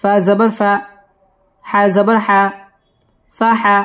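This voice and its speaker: A man teaching tajweed who spells each word of a verse letter by letter, then recites it slowly and repeats it. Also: sits high, monotone, fairly bright tone. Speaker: Quran teacher.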